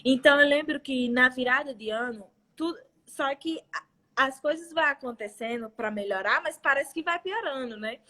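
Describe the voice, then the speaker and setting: A young Brazilian woman, a missionary, giving an emotional church testimony, halting and repeating herself as she speaks. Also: sits high, sharp tone. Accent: Brazilian Portuguese. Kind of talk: testimony talk at a church live event.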